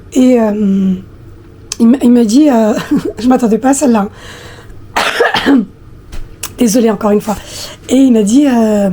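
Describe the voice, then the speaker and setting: A woman in her thirties talks to her followers in a relaxed, chatty vlog, her husky voice a little hoarse from a recent flu. She sits slightly high for a woman and sounds soft and mellow. She often hesitates and reaches for the next word. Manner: hesitant, many fillers, talks directly to viewers. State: hoarse after flu, coughing. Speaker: lifestyle vlogger. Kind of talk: casual chatty storytelling.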